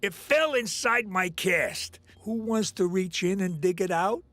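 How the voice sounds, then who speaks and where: A man's voice: sits high, measured pace, a bit bright, no echo. A man voicing a dim-witted, goofy cartoon mob henchman in a dopey bellow.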